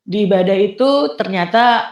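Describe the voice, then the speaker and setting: A woman giving an earnest personal faith testimony as a guest. She talks in an animated way and often repeats herself. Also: medium pitch, normal speed, echoey room, lo-fi sound.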